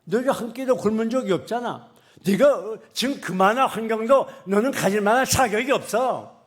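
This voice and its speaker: A pastor voicing God as a stern figure who bluntly rebukes a complaining listener in a loud, slowed, emphatic voice. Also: male voice, sits high, voice pushed up, lightly acted.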